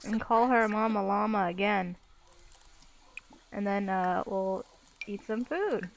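A young woman with a mid-range voice and slow delivery plays a life-sim game as a let's play gamer. Her commentary is casual and exclamatory, and she swears freely.

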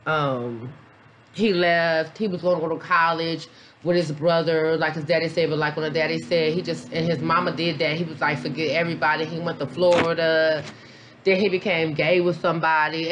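A woman's voice: sits low, normal speed, a bit bright, slight background noise. A woman vlogger giving a casual reaction review, blunt and profane, rambling with lots of fillers, a little tipsy. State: a little tipsy after a beer. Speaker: vlogger, mom reviewing a documentary.

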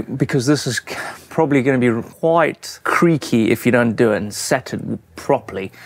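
A man vlogging casually as he builds out a van, chatty and self-mocking, tired from the work. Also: medium pitch. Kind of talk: casual vlog while building. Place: inside a van under construction. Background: music.

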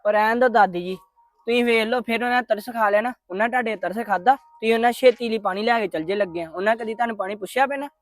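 A woman's voice: on the high side, lightly acted. A performer playing a defiant young grandson in a family drama, arguing with his grandmother. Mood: indignant. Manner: quick, insistent, arguing.

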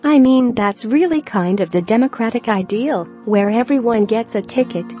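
A woman giving a scripted narration of a news article, reading straight through the text in a flat manner. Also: a little high, normal speed. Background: music.

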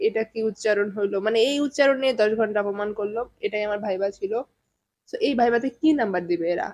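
A woman's voice: mid-range voice, a little mellow. A young woman from Bangladesh, chatting casually in a vlog and mixing in English words. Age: young adult. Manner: chatty, mixes English words, nervous then wry. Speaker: vlogger.

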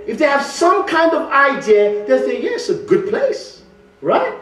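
This guest preacher is a young man from England's West Midlands whose extremely high voice moves at a measured pace. Animated, he calls out questions to the congregation and gestures broadly at the pulpit. The recording, from a stand mic and distant camera in a large church hall, carries roomy echo.

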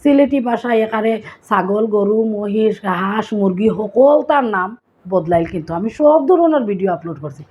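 A woman vlogger with a Sylheti accent, casually explaining local sayings and acting them out with lively bits of storytelling. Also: mid-range voice, normal speed, highs cut off, a little hiss or hum.

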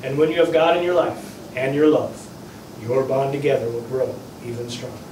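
A man's voice: medium pitch, normal speed. Male [name]-style wedding officiant in echoey chapel. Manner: ceremonial with playful catchphrases. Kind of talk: officiating a vow renewal ceremony. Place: small indoor wedding chapel. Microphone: distant camera mic. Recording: echoey room, distant mic, faint noise.

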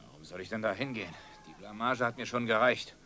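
An actor playing a middle-aged father who gruffly lectures his grown son, in dubbed film dialogue. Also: lowish voice, fast talker, pushed and bright, a little hiss or hum. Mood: angry.

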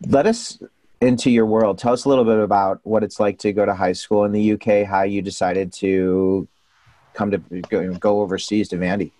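Upbeat middle-aged male host, low voice. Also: moderate pace, dry recording. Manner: enthusiastic, animated greetings. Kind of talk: upbeat video-call interview. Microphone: studio mic on arm.

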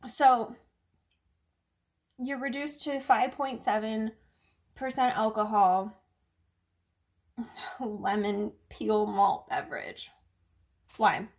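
A woman talks through a drink review in a loose, casual vlog. Her voice sits a little high, and she rambles with plenty of fillers, swearing and dry sarcasm. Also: fairly even intonation, slow, pauses often. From United States.

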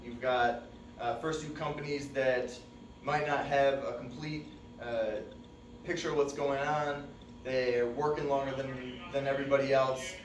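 A fire service instructor with a mid-range voice gives a classroom training presentation in a dim room with a projector screen, sounding relaxed and conversational with many "uh" fillers. He's recorded from far away on a camera mic, so the room sounds echoey, with slight background noise.

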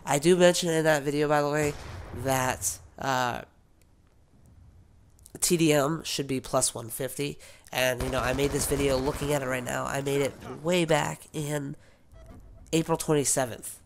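A man's voice: medium pitch, steady tone, moderate pace, gravelly, slight background noise. A man with a sick voice, rambling casually as a gaming YouTuber, with many fillers and restarts. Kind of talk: rambling casual vlog talk.

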